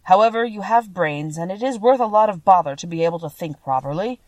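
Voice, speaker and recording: Woman voicing a deliberate, thoughtful Scarecrow. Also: medium pitch, animated, darkish tone, no echo, natural voice. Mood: curious, thoughtful. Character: thoughtful, hearty living male scarecrow.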